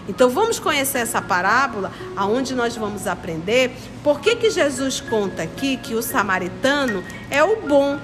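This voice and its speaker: Teaching a children's religious lesson, a fairly high-pitched woman from Manaus, Amazonas, Brazil, speaks with a northern Brazilian accent. Her style is didactic and repetitive, laying things out step by step and turning questions to her listeners. Clear music plays behind her, and the recording has a long reverberant echo.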